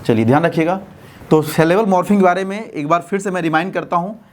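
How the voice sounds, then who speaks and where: A male English teacher gives a classroom lesson in a voice that sits on the higher side for a man. He keeps asking his students questions and then answering them himself, and he slows down to a steady dictation pace whenever he spells out a word. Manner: slow, deliberate dictation when spelling out words. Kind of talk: classroom-style lesson explanation.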